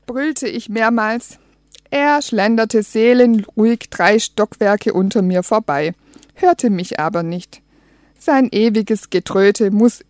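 A woman's voice: medium pitch, darkish tone, no echo. A woman reading a humorous first-person story aloud as an audiobook, with a wry, dry comic delivery. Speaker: audiobook reader.

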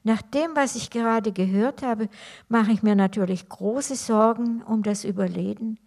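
A woman's voice: on the high side, normal speed, a little mellow. A woman reading aloud, voicing an elderly grandmother who speaks earnestly about a kidnapped granddaughter. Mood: worried.

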